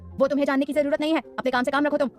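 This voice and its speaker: A woman's voice: sits high, little pitch movement, racing, faint music behind, voice pushed up, close to an everyday voice. Woman voicing a fierce, defiant young bride. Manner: stern, commanding.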